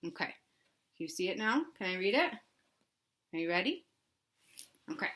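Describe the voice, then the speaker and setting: A woman with a medium-pitched voice reads a children's storybook aloud in an animated, emphatic way as a read-aloud host, pausing to ask questions of her young listeners.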